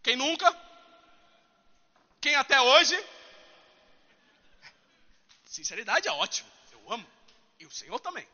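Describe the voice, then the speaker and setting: High bright-voiced preacher. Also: male voice, moderate pace, vocal fry, in a large hall, highs cut off. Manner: animated, humorous, addresses the congregation directly. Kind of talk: sermon.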